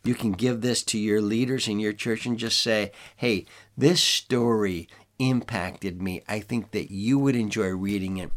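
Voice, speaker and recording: An older man giving an informal teaching talk as a preacher, earnest and measured, with pauses for emphasis. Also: on the low side. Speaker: preacher and ministry leader.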